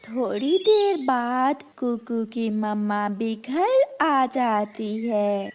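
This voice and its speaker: A woman narrating a children's cartoon story in a scripted storybook style. Her voice is fairly high and very slow, with faint background noise. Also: expressive, a little mellow.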